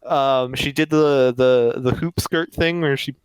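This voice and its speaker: A man co-hosting a casual film review podcast, animated and opinionated, often laughing. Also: mid-range voice, unhurried, clear, resonant tone, no echo, low-quality recording. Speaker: podcast co-host.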